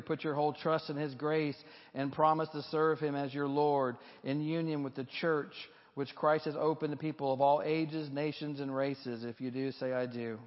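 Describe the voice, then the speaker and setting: A male pastor reads liturgy and prayers to his congregation in measured, formal phrases. His voice sits a little high for a man. The sound is somewhat muffled, with a long cathedral echo trailing each phrase. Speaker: pastor leading a baptism reaffirmation service. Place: large reverberant church.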